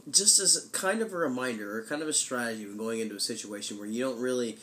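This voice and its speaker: A man vlogs in a casual, conversational way with a stuffed-up nose. His voice is congested from a head cold, as if tissue were plugged up one nostril. There is some noise behind him, and his pitch sits in a middle male range. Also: fast, sharp tone. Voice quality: stuffy, blocked-nose sound. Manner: conversational, loose, frequent "you know". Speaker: weekly vlogger. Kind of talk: casual chat to camera.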